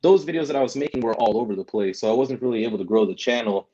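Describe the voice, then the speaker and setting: Racing along in a dark-toned, medium-pitched voice, this young guest from Germany rambles through a casual interview chat, restarting often and tacking on "right?". He works as a delivery driver and vlogger. The recording is muffled with a little hiss or hum.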